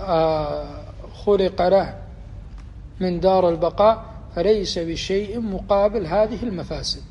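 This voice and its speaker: Man, religious teacher, explanatory lecture, quizzing students, fairly high voice, faint room ambience. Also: darkish tone, muffled recording, a little hiss or hum. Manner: deliberate, quizzes his students. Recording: long reverb, faint ambience.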